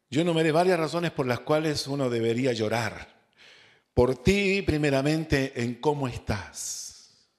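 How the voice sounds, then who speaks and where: Slow, deliberate Chilean pastor. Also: male voice, medium pitch. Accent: Chilean Spanish. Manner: slow, drawn-out preaching with rhetorical questions and repetition. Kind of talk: sermon, Bible study.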